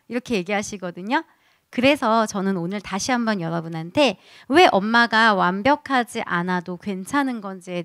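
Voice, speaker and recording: A woman giving a lively parenting lecture, acting out what babies think. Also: medium pitch, no room sound, studio quality. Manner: animated, acts out baby voices.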